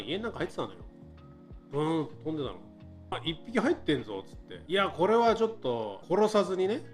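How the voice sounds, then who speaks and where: A man casually telling a true scary story from his own life, acting out what people said and the buzzing of wasps, laughing often. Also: mid-range voice. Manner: animated, acts out quotes and buzzing sounds, laughs often. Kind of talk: casual storytelling from a live stream.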